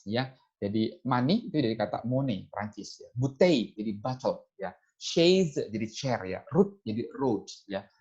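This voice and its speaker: A man's voice: fairly low pitch, normal speed, a little mellow, dull audio. A man giving a lecture over slides, explaining point by point and dropping "ya" and "nah" between phrases. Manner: explains step by step, often adds "ya" and "nah".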